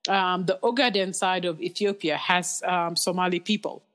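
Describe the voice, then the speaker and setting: A woman's voice: fairly low pitch, steady tone, normal speed, fairly bright tone. Reflective Kenyan-born woman guest. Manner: reflective, explains at length with restarts. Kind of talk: casual interview talk.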